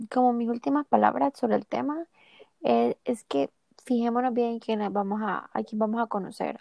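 Young woman podcaster, earnest advice-giver, highish pitch, dry close sound. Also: creaky, mellow, no echo. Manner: earnest, encouraging, gives life advice. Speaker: podcast host. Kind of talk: casual advice chat.

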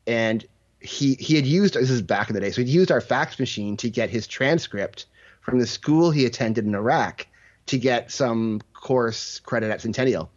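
This interview guest, a man who works as a leadership mentor, tells casual stories and acts out the quoted lines in them. He speaks at a normal pace in a mid-range voice, captured with lo-fi sound.

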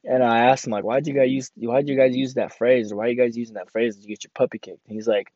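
Young male podcaster born in Ukraine, rambling personal monologue, mellow tone, dry close sound. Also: mid-range voice, fairly even intonation, quick pace, no echo, dull audio. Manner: rambling, many fillers and restarts. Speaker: podcast host.

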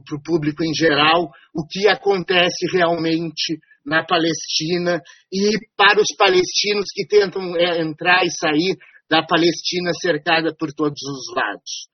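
Male host, husky and high, halting intro full of fillers, dry lo-fi call sound. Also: no room sound. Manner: frequent fillers and repeated words. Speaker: radio program host. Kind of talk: hesitant spoken introduction.

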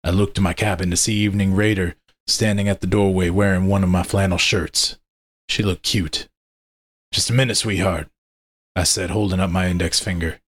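A man narrating a first-person story in a steady, measured way. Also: deep voice.

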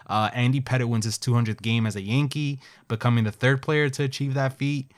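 A man's voice: medium pitch, fairly even intonation, brisk. Casual man reading baseball stats. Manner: reads stats aloud with asides and self-corrections. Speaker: podcast co-host. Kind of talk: casual sports chat.

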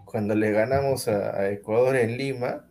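A man's voice: medium pitch, fairly even intonation, moderate pace, a little mellow. A man on a sports chat show, rattling off football lineups in casual talk.

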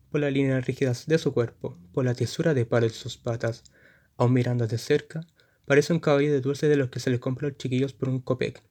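A man narrating a short story in a measured, descriptive reading. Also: mid-range voice, dark tone.

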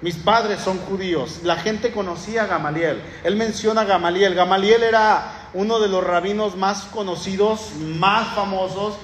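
This Mexican Spanish-accented man preaches at a normal speed with few pauses, his high voice holding a fairly even intonation. He teaches from the Bible in a chatty, storytelling way, frequently starting over. There's slight background noise, faint ambience, and the long reverb of an echoey hall.

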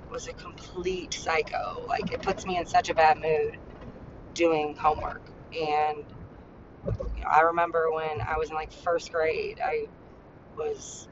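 A woman talking candidly as a podcast host, rambling with lots of "like" and "you know", blunt and freely swearing. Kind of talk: candid personal monologue. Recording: muffled lo-fi with faint vehicle rumble.

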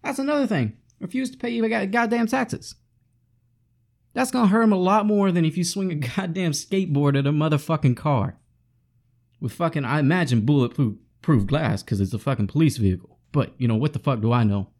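A man's voice: fairly high pitch, brisk, darkish tone. A frustrated man ranting with heavy profanity to his audience in a casual vlog. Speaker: vlogger. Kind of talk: profane angry rant.

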